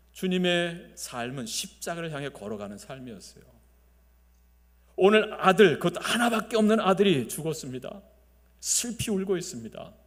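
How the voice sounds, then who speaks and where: A male pastor preaching a Sunday sermon, swinging between loud emphasis and soft, quiet phrases, and leading the congregation to repeat after him. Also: a little high. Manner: leads the congregation in call-and-response. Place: large church sanctuary. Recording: long reverb of a church sanctuary.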